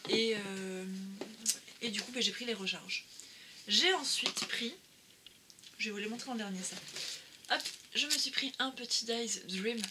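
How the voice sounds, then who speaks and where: A woman's voice: a little high, measured pace, pauses often. Hesitant woman with noise behind. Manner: hesitant, many "euh" fillers and restarts. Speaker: craft vlogger. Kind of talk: casual haul video.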